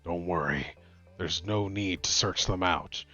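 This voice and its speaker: Guy putting on a disguised deep voice for a secret girl boss, super low, slow and hammy, kinda dull audio. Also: bright, forceful tone, faint music behind. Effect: disguised deep voice-changer voice.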